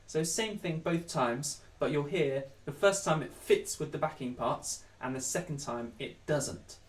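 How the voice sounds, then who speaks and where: A man's voice: fairly high pitch, measured pace, a little hiss or hum. A man leading an online singing lesson, counting in and singing lines to demonstrate. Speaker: choir leader. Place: home room. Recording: roomy, distant mic with backing music.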